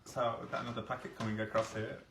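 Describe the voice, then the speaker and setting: A man with a Northern English accent demonstrating a cake recipe in a kitchen, relaxed and hesitant with many fillers. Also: medium pitch, quick pace. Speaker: baker demonstrating. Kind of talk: casual cooking demonstration. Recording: echoey kitchen, loud background noise.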